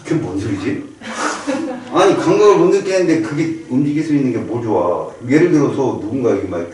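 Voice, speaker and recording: A man teaching a biology class, lecturing in a lively, playful way and acting out little reactions for the students. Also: mid-range voice, fairly quick. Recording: echoey room from far off.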